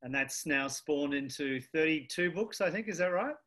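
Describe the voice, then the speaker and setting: A man's voice: on the high side, animated, moderate pace, fairly bright tone. A man hosting an interview, asking questions and affirming his guest with brief interjections. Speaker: interviewer, host.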